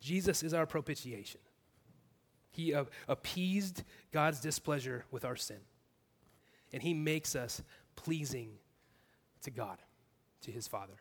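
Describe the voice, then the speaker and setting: A man's voice: fairly high pitch, measured pace, pauses often, in a large hall. A man preaching a sermon as pastor, earnest, building his points in repeated clauses. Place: church.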